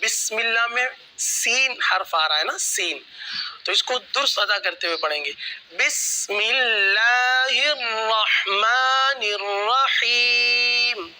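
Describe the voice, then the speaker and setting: A man's voice: high-pitched, lively intonation, bright, forceful tone, poor audio. A man teaching children to pronounce Arabic letters, patiently drilling each sound and having them repeat it after him. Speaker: Quran recitation teacher.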